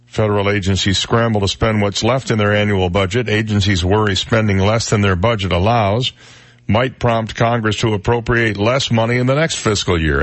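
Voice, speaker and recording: This morning radio host has a fairly low-pitched voice, recorded on a studio mic in a radio studio with no room sound. His style is wry and casual, loaded with filler words, and his nose seems slightly blocked.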